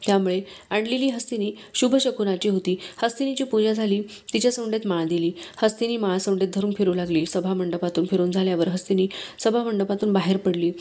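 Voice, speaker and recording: A woman reading a devotional book aloud in steady, measured storytelling. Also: medium pitch. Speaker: book reader.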